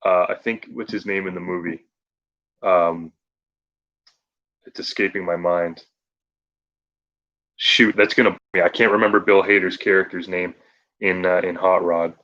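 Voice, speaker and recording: A man's voice: low-pitched, fairly even intonation, measured pace, long pauses, bright, forceful tone, muffled recording. A man in casual chat recommending movies, who laughs often and rambles with restarts.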